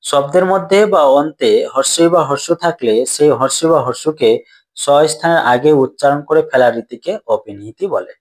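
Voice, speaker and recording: A man's voice: fairly high pitch, moderate pace. A man teaching a grammar lesson, often asking his students questions and then answering them himself.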